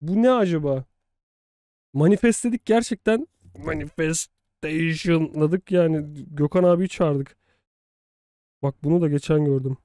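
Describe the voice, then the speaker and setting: A man's voice: on the high side, normal speed, long pauses, dark tone, no echo, studio quality. A man in his thirties reacting casually to videos on a livestream, talking informally to his viewers. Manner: conversational, addresses viewers informally. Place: small room at home, indoors. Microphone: desk microphone on boom arm.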